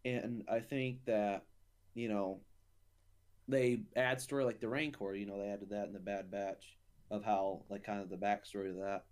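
A man's voice: fairly low pitch, little pitch movement, moderate pace. A young man co-hosting a podcast in casual chat, playful and teasing, often laughing. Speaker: podcast co-host.

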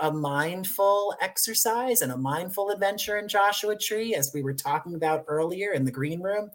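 Effusive, grateful and playful, an American man speaks as a guest in a conversational interview, where he's presented as an audio drama writer and producer. His somewhat bright voice sits fairly high for a man.

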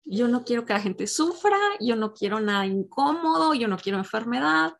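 A woman's voice: a little high, lively intonation, normal speed, creaky. A woman teaching a devotional lesson to women in a conversational way, often asking her listeners questions. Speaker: Bible study teacher for women.

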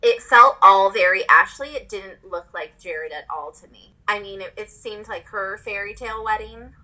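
Bright-voiced young woman, candid chat. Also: mid-range voice, moderate pace, low-quality recording. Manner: candid, laughs often, swears casually. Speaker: podcast co-host. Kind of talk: casual chat.

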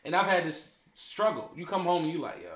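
A man's voice: fairly high pitch, fairly quick, a crowd in the background. A man arguing emphatically in casual street slang as a podcast co-host, chatting among friends. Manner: emphatic, argumentative. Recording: echoey room.

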